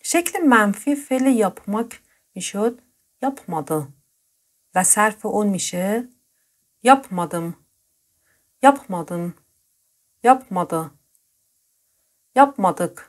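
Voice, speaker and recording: A woman presenting a grammar lesson, explaining patiently and slowing down to drill each verb form. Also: mid-range voice, expressive. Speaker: Turkish language teacher.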